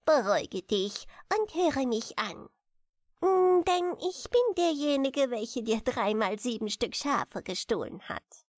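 A woman's voice: high voice, animated, takes it slowly, dry recording, clean studio sound. A woman voicing a small, aged, solemn grey dwarf king who pleads earnestly in a German fairy tale. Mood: reassuring.

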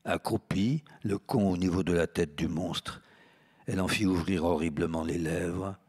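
A man, an actor, reading a literary text aloud at a live event, measured and deliberate, correcting his own slips. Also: deep voice, darkish tone, breathy edge.

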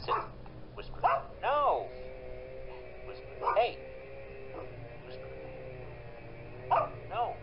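A man chatting casually to his dogs and his viewers in a home video. His voice rises and falls a lot but his pace stays slow and easy. The recording sounds dull and lo-fi, with loud noise underneath. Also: high voice, big pitch swings, creaky. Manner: coaxing, playful, giving dogs commands. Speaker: vlogger. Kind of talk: casual home vlog talking to pet dogs.

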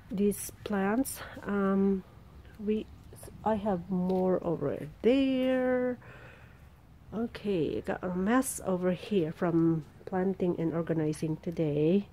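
A woman giving a casual, halting, rambling vlog narration outdoors in a backyard, filming with a handheld camera. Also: mid-range voice, mellow. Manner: informal, halting, rambling delivery. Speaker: vlogger showing their plants. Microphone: handheld camera, behind the lens. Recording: outdoor background noise.

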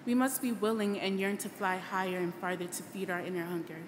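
This is a graduating student speaker, a young Ghanaian woman in her late teens, reading a prepared graduation speech at a podium. Her medium-pitched voice is earnest, formal and measured, picked up by a podium microphone on a boom stand on a large auditorium stage. The sound is echoey through the hall PA, and background noise is loud.

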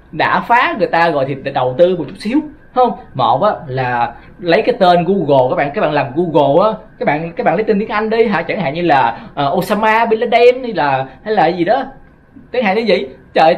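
A man's voice: on the high side, highs cut off. A man from Vietnam with a Southern Vietnamese accent, rambling through a casual monologue to his viewers, often stumbling and repeating words. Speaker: vlogger.

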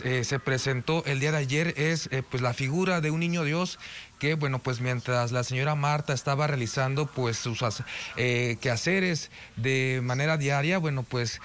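A man's voice: medium pitch, fairly bright tone, slight background noise. A man with a northern Mexican accent reporting live in the field, hesitant and full of fillers.

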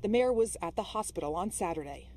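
A young woman reporting the news on a city street, speaking into a handheld mic with a crisp newsreader delivery. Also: mid-range voice, animated, a little fast, a little mellow. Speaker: field reporter.

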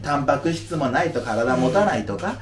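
A man's voice: mid-range voice, lively intonation, brisk, echoey room, recorded from a distance. A man in his thirties from Japan, a comedian answering audience questions after a show in a playful, mock-serious lecturing way. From Aomori, Japan. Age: 30s. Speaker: stand-up comedian. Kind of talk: casual Q&A talk after a live show. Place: live venue.

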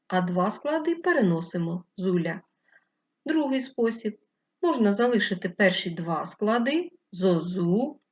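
Woman teacher talking real slow to little kids, voice going up and down a lot, kinda dull lo-fi sound. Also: medium pitch. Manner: spells out syllables slowly and patiently. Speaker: primary school teacher. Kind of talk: slow, clear classroom instruction for first graders. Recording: slightly dull lo-fi recording.

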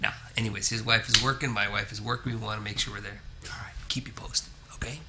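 The recording is very noisy as a man with a fairly low, steady voice talks quickly to the camera. He's filming his own road trip, narrating casually with joking asides, on the road and in a parking lot.

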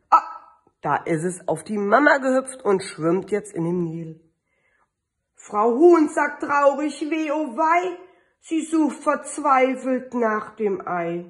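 A woman kindergarten teacher reading a picture book aloud to children, telling the story slowly with sing-song refrains. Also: medium pitch.

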